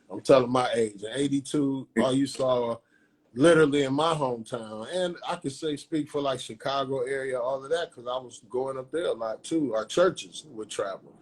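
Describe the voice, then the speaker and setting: Here a husky man of medium pitch, aged in his 50s and hailing from Peoria, Illinois, tells a story casually in an interview. A barber, he shares his tale in a lively, slangy manner, performing the dialogue as he goes.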